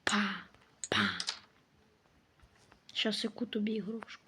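A woman's voice: medium pitch, sing-song, bright, forceful tone, a little hiss or hum. A woman giving casual let's-play commentary, scolding and swearing at the game characters as she plays. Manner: slow, drawn-out delivery. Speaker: gameplay commentator.

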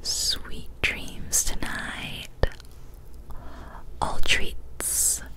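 Whispered story reading and chat come from a young adult ASMR host, her voice a soft, breathy unvoiced whisper kept slow, gentle, and calming. She sits in a small decorated room indoors, close to a studio mic on an arm.

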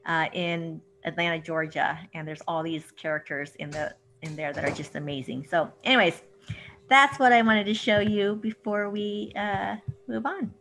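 A woman's voice: lowish voice, moderate pace, a bit bright, slight background noise. A woman author chatting casually on a video call, walking a book group through her photos with plenty of ums. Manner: chatty, filler-heavy, laughs easily.

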